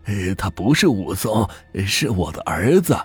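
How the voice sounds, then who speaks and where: A man's voice: fairly low pitch, big pitch swings, a little slow, faint music behind, heavily acted. A man putting on a crazed old morgue keeper. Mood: eerily cheerful. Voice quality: very husky. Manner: chatty, theatrical storyteller's cadence. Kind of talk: ghost story narration.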